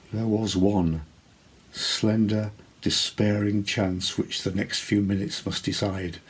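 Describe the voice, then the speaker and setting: A man narrates a literary short story like an actor, in a measured, expressive and deliberate dramatic style. His voice is fairly low and husky.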